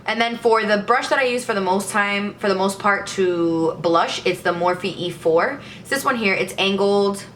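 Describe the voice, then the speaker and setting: A woman's voice: medium pitch, normal speed, hardly any pauses, fairly bright tone, slight background noise. A young woman chatting enthusiastically as a beauty vlogger, showing her makeup brushes. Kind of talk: casual makeup tutorial.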